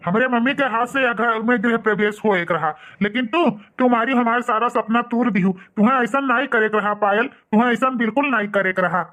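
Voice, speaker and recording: A woman's voice: a little high, a little fast, hardly any pauses, fairly bright tone, natural voice. A woman voicing a young husband with an Awadhi accent, who speaks in a complaining, reproachful way. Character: young office-going husband, upset and hurt.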